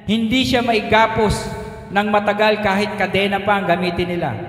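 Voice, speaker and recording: A man with a Filipino accent preaches with lively, joking energy, his voice pitched fairly high. He slips into acted-out quotes and laughs along with the congregation. The sound rings around a large, reverberant church hall. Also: moderate pace. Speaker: pastor. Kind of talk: sermon.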